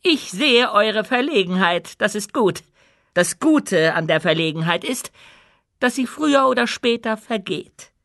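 A commanding dwarf queen booms out a rousing speech to her people in an audiobook, as a male narrator puts her on. The voice sits high and bright, and the room is close and dry. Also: expressive, unhurried, gravelly, dry recording, full character voice. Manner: loud, proud, rousing oratory. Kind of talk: audiobook character voice.

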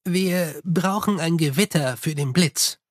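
A man's voice: fairly high pitch, no echo, studio quality. A man doing a nervous young clockmaker. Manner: hesitant, halting, earnest.

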